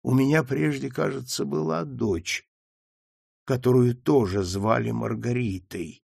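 A man's voice: medium pitch, vocal fry, slightly rough, no echo, studio quality, heavily acted. A man voicing a frail old confused marquis. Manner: slow, hushed, trembling speech.

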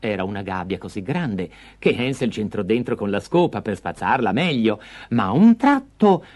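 A man reading a fairy tale aloud in a lively, expressive storytelling manner. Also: lowish voice, normal speed.

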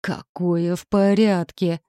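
A stout, stern female doctor with cold sarcasm, from an audiobook, as a woman reads her. She speaks in curt, growled lines in a low, warm voice. The sound is dry. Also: lively intonation, a little fast, no room sound.

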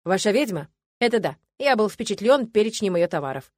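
A woman reading the lines of a cocky young male mage in a fantasy audiobook, calm and teasing. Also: mid-range voice, brisk. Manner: easygoing, unruffled.

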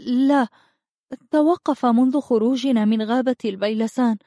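A woman's voice: on the high side, moderate pace, dark tone, no echo, studio quality, voice pushed up, lightly acted. A woman putting on an anxious young fairy girl. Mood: anxious, wistful. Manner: anxious, wistful questioning. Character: young fairy girl, insecure, thinks herself ugly.

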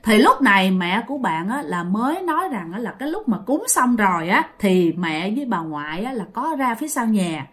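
A woman's voice: medium pitch, sing-song, brisk, few pauses, fairly bright tone. Chatty Southern Vietnamese woman storyteller. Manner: chatty, addresses listeners directly. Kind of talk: casual ghost-story narration.

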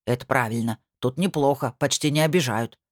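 A woman's voice: extremely low pitch, brisk, no echo, studio quality, voice pushed down. A woman voicing a small, friendly, curious male cat-squirrel creature in a storybook reading, speaking in a plain, kindly questioning way. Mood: proud.

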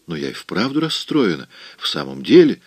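A man voicing a proud, hot-tempered young Southern belle in an audiobook, with a sharp, mocking, coquettish delivery. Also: low-pitched, very animated, normal speed, no echo. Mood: protesting.

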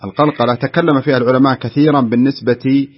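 A man teaching on a radio call-in show, quickly and patiently correcting a caller's recitation. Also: mid-range voice, fairly even intonation, husky. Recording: slightly muffled radio broadcast.

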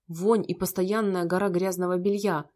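A woman's voice: fairly low pitch, fairly even intonation, moderate pace, darkish tone, natural voice. A cold, bitter rich young man snaps out harsh, scornful lines, as a woman reads him in a storybook. He is plainly in the middle of a told story.

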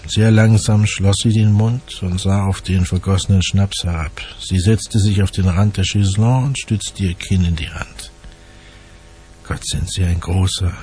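A man narrating a first-person detective story in a dry, measured, wry way. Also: low-pitched, dark tone, a little hiss or hum.

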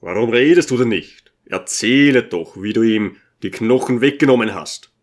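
A man's voice: medium pitch, moderate pace, close to an everyday voice. A man voicing an older retired cavalry captain who coaxes and prods for the story. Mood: coaxing.

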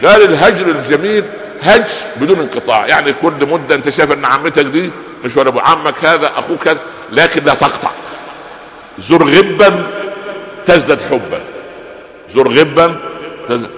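Egyptian male preacher, lively and joking, rhetorical questions, reverberant hall. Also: a little high, brisk, long pauses. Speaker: preacher explaining hadith. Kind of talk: religious lesson. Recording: echoey hall with long reverb.

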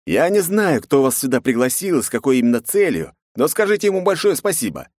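A man voicing an angry young male hero who shouts down a hostile crowd with sarcasm. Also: mid-range voice, sing-song, fast talker, no room sound, studio quality, pitched above the performer's own voice, natural voice. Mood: bitter.

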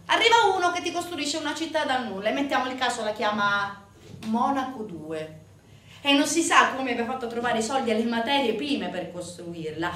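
An animated, indignant woman storyteller, her voice sitting high, sounds exasperated and sarcastic as she hurls emphatic rhetorical questions at the audience. She is a stage actress in a solo show, giving a theatrical narrative monologue that denounces organized crime as a sardonic character, recorded roomy and distant with faint noise.

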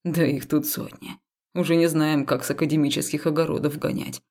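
A woman's voice: deep voice, flat delivery, fairly quick, a little mellow, voice pushed down. A woman doing a cool, indifferent male necromancer. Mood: aloof, calm. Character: calm aloof male necromancer, young man. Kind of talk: audiobook character voice.

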